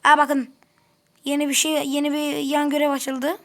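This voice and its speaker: Woman gamer narrating a let's-play, high voice, chatty and easily annoyed, chats with the characters. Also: monotone, moderate pace. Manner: chatty, grumbles and talks to game characters. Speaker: gameplay commentator. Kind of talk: casual let's-play commentary.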